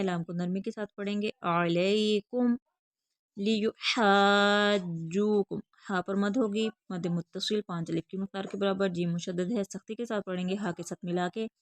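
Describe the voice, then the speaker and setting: A woman's voice: medium pitch, a little mellow, no room sound. Woman teaching recitation rules, dry close sound. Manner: explains pronunciation rules in quick bursts between slow, drawn-out recited words. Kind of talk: online tajweed lesson.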